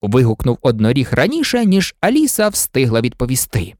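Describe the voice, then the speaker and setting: Male storybook reader, very animated, gravelly tone, dry close sound. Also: mid-range voice, fairly quick, no room sound. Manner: animated, swooping up and down. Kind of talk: expressive storybook narration.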